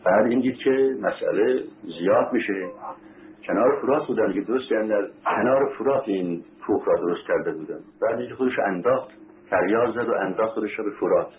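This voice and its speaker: A man preaching a sermon as a story, repeating phrases for emphasis, asking his listeners rhetorical questions and reciting Arabic scripture. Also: fairly low pitch. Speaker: religious preacher. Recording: tinny phone-like recording with faint hiss.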